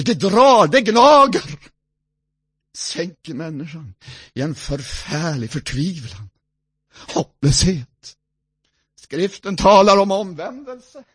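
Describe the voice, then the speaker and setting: A man preaching a sermon, swinging between soft, low passages and loud, ringing exclamations. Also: slightly rough, dry recording.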